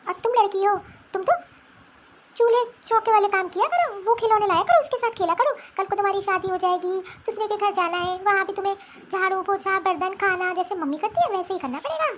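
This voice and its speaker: A woman's voice: very high voice, lively intonation, a little fast, a little hiss or hum. A woman voicing a spoiled boy who orders his sister around in a cartoon story. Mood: bossy. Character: bossy spoiled young boy.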